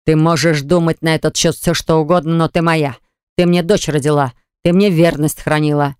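A reader voicing a jealous, hot-tempered man who growls and hisses his words, lower than the narration, in an audiobook. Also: steady tone, normal speed, clear, resonant tone, dry recording, studio quality, lightly acted. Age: adult. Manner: growling, hissing through teeth. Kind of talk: audiobook acting.

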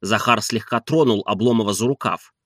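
A man reading a novel as an expressive audiobook narrator. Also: fairly low pitch, brisk, no echo, clean studio sound. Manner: expressive storytelling.

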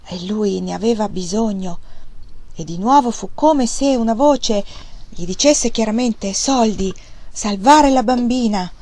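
A woman reading a novel aloud in an expressive, dramatic audiobook style. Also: medium pitch, no echo. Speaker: audiobook reader.

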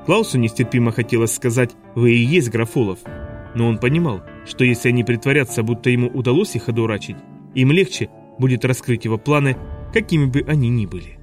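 A man's voice: medium pitch, quick pace, soft background music. A man narrating a children's story as an audiobook, expressively. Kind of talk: scripted narration.

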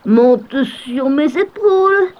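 A man voicing a sly, cunning male fox in a storybook, coaxing slowly. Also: very high voice, expressive, pitched above the performer's own voice, full character voice, poor audio. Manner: slow, drawn-out, cajoling. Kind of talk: storybook narration.

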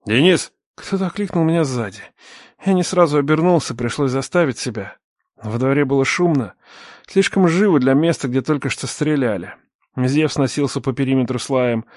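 A man in his twenties narrating a first-person story at a measured, tense pace. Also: mid-range voice, darkish tone, no echo, studio quality.

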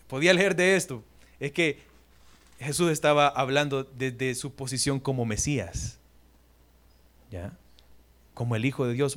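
A male pastor delivers a sermon with lots of energy, acting out quotes and putting questions to the congregation. His voice sits a little high.

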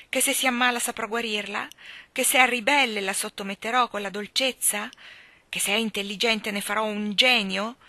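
A woman voicing an ancient immortal fairy who speaks forcefully and reproachfully in a storybook reading. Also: fairly high pitch, dry recording.

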